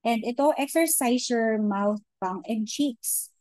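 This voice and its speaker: A woman giving an informal online lecture, mixing Tagalog and English, often checking in with "okay?" and pausing to search for words. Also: on the high side, a little mellow, dry recording, poor audio. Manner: chatty Taglish, frequent "okay?" and "di ba?" check-ins; many hesitations and restarts.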